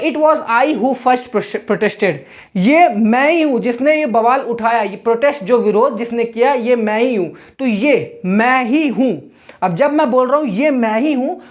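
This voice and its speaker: A woman with a somewhat high voice teaches an online grammar lesson. She explains patiently, goes over each point more than once, and reads her example sentences slowly and deliberately.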